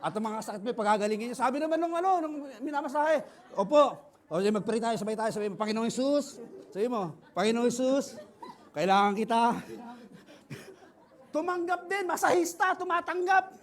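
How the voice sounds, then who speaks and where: A man with a Filipino accent, a pastor preaching an energetic sermon, telling stories and acting out the people in them. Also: very high-pitched, fast. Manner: animated preaching, acts out dialogue, laughs often.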